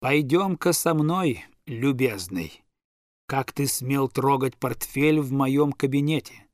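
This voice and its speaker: A man voicing a stern middle-aged father who scolds loudly and repeats himself, in a dry, close recording. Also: high voice, normal speed, no room sound, pitched above the performer's own voice, natural voice. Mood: scolding.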